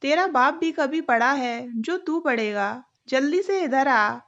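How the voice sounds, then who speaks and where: A woman voicing a harsh, short-tempered drunken father in a storybook tale, barking gruff orders. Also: sits high, animated, takes it slowly, fairly bright tone, lo-fi sound, exaggerated voice. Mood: scolding. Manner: gruff scolding commands.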